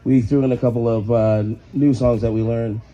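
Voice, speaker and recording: A man whose hoarse voice is nearly gone, chatting casually as a band's lead singer in an interview. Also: medium pitch, fairly even intonation, normal speed, warm tone, highs cut off. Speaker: band lead singer and rhythm guitarist.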